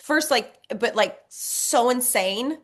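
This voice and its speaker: A young adult woman, an actress guest on a podcast, chatting in a bubbly, animated, self-deprecating way. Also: on the high side, takes it slowly. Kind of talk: casual podcast chat.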